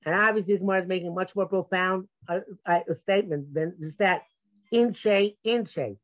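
A man whose voice sits high talks at a moderate pace, arguing his side of a conversational religious debate. He's insistent and stammers into restarts, heard through a muffled, narrow, phone-like recording.

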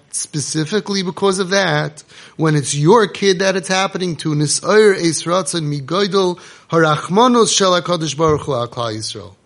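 A man's voice: a little high, a bit bright. A man speaking as a rabbi giving a Torah lecture, reading text and explaining it emphatically, with repeated phrases. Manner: emphatic, repeating and rephrasing for effect. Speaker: rabbi giving a religious teaching.

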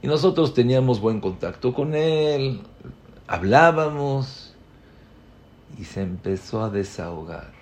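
A man giving a Torah lecture as a rabbi, building to loud emphatic peaks and acting out the people he quotes. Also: medium pitch, lively intonation, measured pace.

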